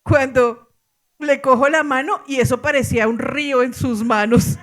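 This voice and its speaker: A middle-aged woman pastor with a Colombian accent, telling a story in a sermon, animated and laughing with exclamations. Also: high-pitched, normal speed.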